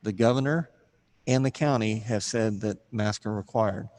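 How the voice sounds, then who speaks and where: Low-voiced man explaining at a board meeting. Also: moderate pace, darkish tone, a little hiss or hum. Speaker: school district official.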